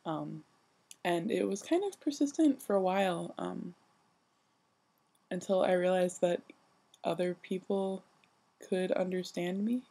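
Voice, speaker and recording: A young adult woman who just woke up, talking in a sleepy, casual vlog style, rambling haltingly and self-deprecatingly with a husky, creaky voice. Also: on the low side, warm tone. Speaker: vlogger. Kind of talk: casual personal vlog monologue.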